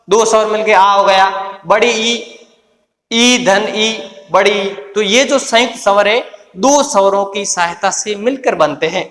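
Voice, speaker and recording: A man teaching a grammar lesson, explaining slowly and repeating points, drawing out the sounds he names. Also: sits high, a bit bright. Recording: echoey room with long reverb.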